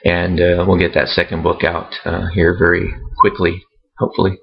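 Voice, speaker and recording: Low gravelly man, halting vlog talk. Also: completely flat delivery, lo-fi sound. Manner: halting, rambling, with many fillers and restarts; self-conscious about speaking on camera. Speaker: author vlogging to readers. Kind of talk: casual vlog to camera.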